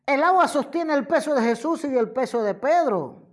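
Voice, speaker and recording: On a radio program, a woman with a high, animated voice preaches a sermon slowly and emphatically. She repeats key phrases and addresses her listeners as brother and friend listener.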